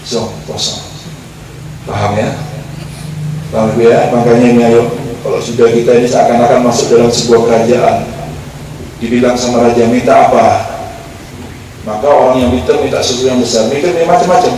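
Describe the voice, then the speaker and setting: A man's voice: mid-range voice, steady tone, brisk, pauses often, darkish tone. A man preaching a sermon to a gathered crowd, urging them on and checking that they understand. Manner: exhorting, asks the crowd "paham ya?". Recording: very echoey, far from the mic, with noise.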